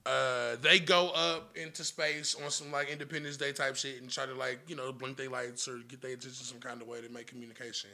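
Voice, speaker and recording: A man's voice: mid-range voice, little pitch movement, fairly quick, gravelly, few pauses, sharp tone. A man on a casual podcast, telling a long story in a rambling, profane way and laughing often. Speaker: podcast guest.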